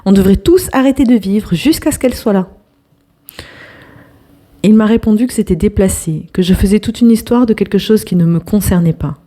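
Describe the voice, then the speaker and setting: With a medium pitch and moderate pace, a young woman reads an online post to her audience as a storytelling host. She sounds lively, slips in quiet asides, and talks casually to her viewers.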